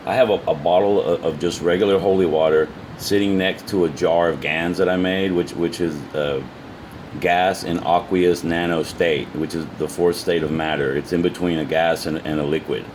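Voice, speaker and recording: Low deep guy just explaining stuff off the cuff, keeps repeating words, bit of hum behind him. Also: steady tone, a little mellow. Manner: halting, repeats words and trails off. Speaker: amateur video presenter. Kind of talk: casual unscripted explanation to viewers.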